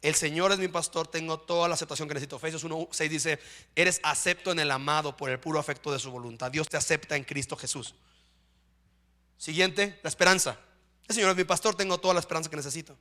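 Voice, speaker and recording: A man's voice: a little high, fast, sharp tone. A man preaching a sermon in church, often checking in with his listeners. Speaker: pastor.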